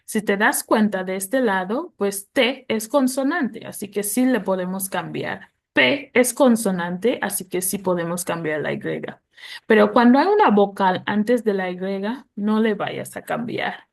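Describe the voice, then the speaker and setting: Slow, patient woman teaching English plurals. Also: medium pitch, expressive, creaky. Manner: patient, spells out letters, models English words slowly. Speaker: English teacher for Spanish speakers. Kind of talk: explaining plural noun rules.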